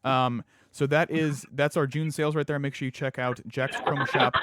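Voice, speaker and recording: A young man hosting a live-streamed radio chat from a parts shop, plugging sponsors in a halting, upbeat way full of fillers. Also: mid-range voice, steady tone, a bit bright, dry recording, studio quality. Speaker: radio show host.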